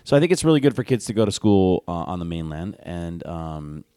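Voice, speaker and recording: A man's voice: low-pitched, very animated, brisk, warm tone, clean tone, no echo, studio quality. A man from Hawaii, a podcast guest telling rambling stories full of fillers and restarts. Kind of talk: casual podcast chat.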